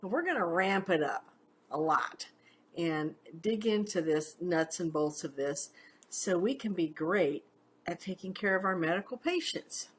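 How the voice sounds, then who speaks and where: A middle-aged woman paramedic instructor teaches a class in a casual, chatty style, often checking in with "okay?" and sharing personal stories. Her lowish voice is expressive and measured in pace, with slight background noise.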